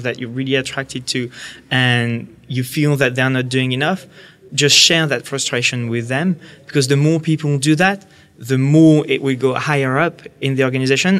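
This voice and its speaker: A man with a French accent, a podcast guest explaining his views in a measured, earnest way. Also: mid-range voice, a bit bright. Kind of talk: podcast interview.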